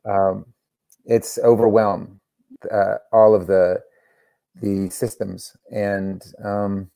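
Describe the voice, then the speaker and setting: A man's voice: fairly low pitch, level tone, extremely slow, gravelly, warm tone, no echo. A man born in the United States, speaking as a guest in an interview and telling his story in a thoughtful, earnest way. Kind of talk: interview conversation.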